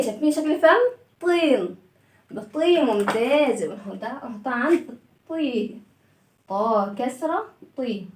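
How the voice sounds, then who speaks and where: A high-pitched woman with an Egyptian Arabic accent leads a phonics lesson for young children. She stretches syllables, repeats each word several times and coaxes the class along. Her voice rings out in an echoey room. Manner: animated, drawn-out syllables and repeated words. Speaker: children's reading teacher.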